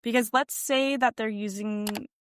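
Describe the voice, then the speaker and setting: A young woman guest on a podcast, chatting casually about her work from home, with lots of "like" fillers and lively emphasis. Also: a little high, a little slow, clean tone, no echo, clean studio sound. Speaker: podcast guest, sewing content creator. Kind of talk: casual interview chat. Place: home room with yarn shelves.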